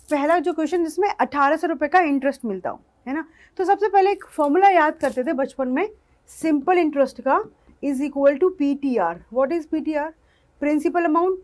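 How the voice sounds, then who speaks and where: High-pitched woman, patient maths tutor who keeps asking the class questions. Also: a little mellow. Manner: explains step by step, asks the class questions. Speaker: maths teacher. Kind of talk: online maths lesson.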